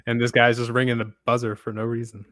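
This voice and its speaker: Male podcast host, casual recapper with deadpan asides, dry close sound. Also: mid-range voice, no echo. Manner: steady storytelling with dry asides.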